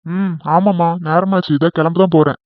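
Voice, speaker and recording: A man voicing an easygoing young husband in a cartoon comedy, mild and pleading as he tries to calm things down. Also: on the high side, moderate pace, no room sound, natural voice. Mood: placating. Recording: tinny phone-like sound.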